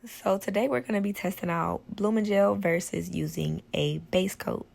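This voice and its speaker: A woman hoarse from a cold, with a smoker's rasp, giving a casual tutorial voice-over as a nail tech. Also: medium pitch, moderate pace, a little mellow. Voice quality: smoker's rasp, gravelly, voice cracking. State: hoarse from a cold and sore throat. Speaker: nail tech doing a product test tutorial.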